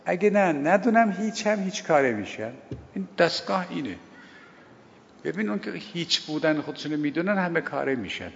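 An older man giving a sermon on a prayer, telling stories emphatically, repeating key phrases and swinging between loud and hushed delivery. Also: sits high, vocal fry. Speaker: religious teacher. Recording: dull lo-fi recording with long hall reverb.

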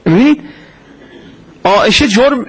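A man with a high voice delivers a sermon as a retold story. He keeps asking rhetorical questions and answering them. He acts out the people he quotes. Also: slightly rough. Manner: acts out quoted speech in a lively retelling. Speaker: preacher.

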